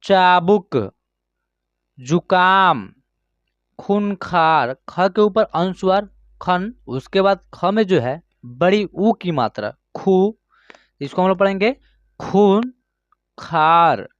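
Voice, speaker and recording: Teaching Hindi reading in an online class, a man sounds out each word syllable by syllable, drawing words out slowly and checking often that students follow. His voice is high-pitched and animated, on a dry recording with the highs cut off.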